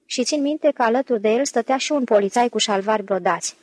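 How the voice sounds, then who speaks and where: A woman's voice: on the high side, a little mellow, no echo, lightly acted. A woman voicing a confident, playful male con man with a breezy, ingratiating manner in an audiobook. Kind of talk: audiobook character reading.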